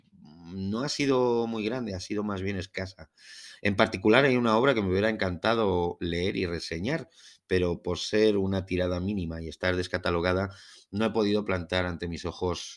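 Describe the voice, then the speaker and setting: A man with a deep, low voice and a Spain Spanish accent presents a solo podcast. His delivery is formal and measured, somewhere between prepared narration and talk. He favours literary, carefully built phrases. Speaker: podcast host. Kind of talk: podcast monologue on a UFO case, part scripted narration.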